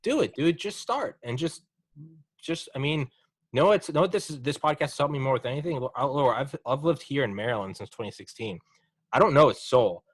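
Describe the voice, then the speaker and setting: A young man hosting a podcast, chatting casually with a guest, swearing freely and telling stories with animated encouragement. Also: mid-range voice, fairly quick, husky, dry recording. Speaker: podcast host. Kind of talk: casual chat.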